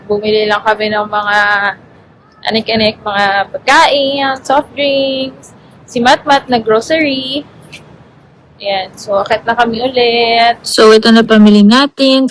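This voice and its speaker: A Filipino woman in her thirties narrates a family hotel stay into a handheld phone, chatty and cheerful. Her voice sits a little high, and she speaks slowly, naming each item in turn. A faint hum of room ambience sits underneath. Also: poor audio. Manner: chatty, lists items one by one, calls out cheerfully to her kids. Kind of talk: casual vlog narration mixing Tagalog and English.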